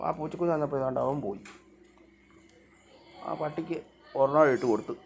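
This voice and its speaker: A man's voice: on the high side, brisk, breathy edge. Man coaxing and scolding his pets. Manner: talks to animals in a coaxing, scolding way. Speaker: vlogger. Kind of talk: casual chat to pets and camera. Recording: dull lo-fi sound with faint noise.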